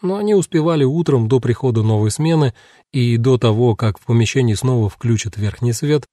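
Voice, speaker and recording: A man narrating an audiobook in an even, measured storytelling manner. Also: mid-range voice, no room sound, clean studio sound. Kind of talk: scripted narration.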